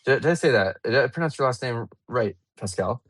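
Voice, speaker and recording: A man hosting a live online audio panel, chatty and relaxed, with frequent fillers and restarts. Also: medium pitch, fairly quick, dry recording, clean studio sound. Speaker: host. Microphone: remote audio call.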